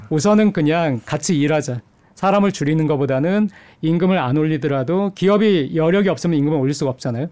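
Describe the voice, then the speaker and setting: A middle-aged man, an economics professor, gives measured interview answers with frequent hesitation fillers. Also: a little high, warm tone. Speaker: economics professor, studio guest.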